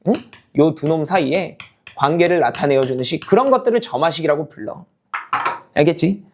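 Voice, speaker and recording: A man lectures students through a math lesson step by step, repeating key points, constantly checking the class keeps up, and shifting between casual and polite speech. His voice is on the high side, with a little hiss or hum.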